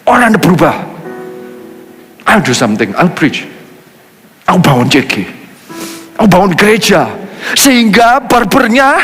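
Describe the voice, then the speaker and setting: A pastor delivers a sermon with a high, bright voice, mixing English phrases into his talk. His delivery swings between quick, lively bursts and slow, weighty words. He is heard through a church sound system, with long reverb from the hall and soft music behind him. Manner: mixes English phrases into speech; animated storytelling, shifting pitch and pace.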